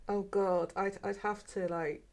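A woman in her fifties from England, once an archive worker, talks haltingly in an oral history interview and repeats words frequently. Her accent is mixed, mostly southern English, and her mid-range voice is level, measured and darkish in tone.

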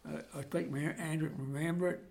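An elderly man speaks in a broad Suffolk accent, his voice a little on the high side. He chats casually and haltingly, wandering through his recollections in homely rural dialect. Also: steady tone, creaky, darkish tone. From Suffolk, England. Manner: rambling, halting, rustic dialect turns of phrase. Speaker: care home resident being interviewed. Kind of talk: casual reminiscing chat.

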